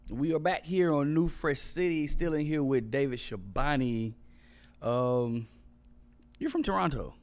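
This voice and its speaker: A man's voice: medium pitch, animated, measured pace, darkish tone. A man hosting a casual interview, giving brief, easygoing replies and questions. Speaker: host.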